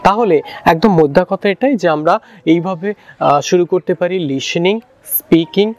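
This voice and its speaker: A man whose first language is Bengali, teaching spoken English in a relaxed, casual way with many fillers and restarts. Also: high voice, normal speed, muffled recording. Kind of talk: casual instructional talk.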